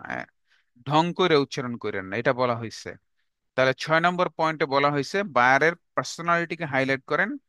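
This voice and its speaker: Bright-voiced Bangladeshi male teacher. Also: fairly high pitch, no room sound, studio quality. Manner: repeats English phrases slowly, then explains them. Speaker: English teacher. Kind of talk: online class lecture.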